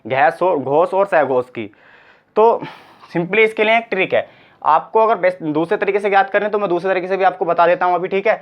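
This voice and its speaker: A man's voice: high voice, a little fast. A man teaching a grammar lesson for exam prep, repeating each point and asking rhetorical questions before he answers them. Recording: slightly dull lo-fi sound.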